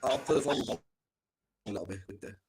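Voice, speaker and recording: A man, a football fan guest, arguing in heated banter over a remote call whose connection crackles and cuts out, repeating himself as he pushes his point. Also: fairly low pitch. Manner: fast, animated, repeats himself. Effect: crackly, cutting-out call connection. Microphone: remote call with headset.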